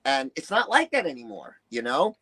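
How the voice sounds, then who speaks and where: Here his medium-pitched voice swoops wildly, pushed and bright, at a normal speed. He's a retired musician and bodybuilder from New York City in his early 60s, an interview guest telling frank personal stories, emphatic and blunt, cursing freely and acting out other people's lines.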